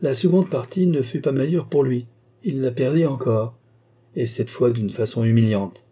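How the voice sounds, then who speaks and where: A man reading a classic novel aloud as an audiobook narrator, in measured, even storytelling. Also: mid-range voice, slightly rough. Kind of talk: scripted narration.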